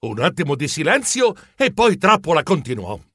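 A man narrating a comic children's story in the first person, in an animated, expressive telling. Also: a little high, normal speed, no room sound, studio quality. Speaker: audiobook narrator.

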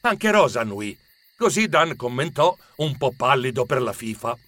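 A man narrating a children's story with expressive storytelling. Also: medium pitch, moderate pace, no echo.

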